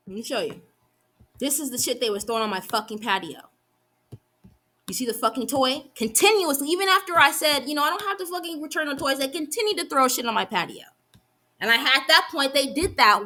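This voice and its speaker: A young woman venting heatedly to the camera, swearing often and rushing through run-on sentences with frequent restarts. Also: sits high, sharp tone. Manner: heated and profane, rapid run-on talk with restarts. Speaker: vlogger. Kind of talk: angry venting monologue.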